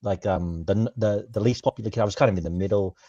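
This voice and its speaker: A man on a podcast, talking hesitantly about his life with many pauses and restarts. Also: on the low side, warm tone, dry recording, muffled recording. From Australia. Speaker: podcast panelist. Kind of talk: casual personal chat.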